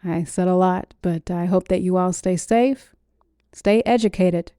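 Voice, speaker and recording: Female podcast host, fervent preaching delivery, warm dark tone, no room sound. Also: fairly low pitch, measured pace, no room sound, clean studio sound. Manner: urgent, preaching, repeats phrases for emphasis. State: slightly wheezy. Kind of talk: impassioned solo podcast monologue.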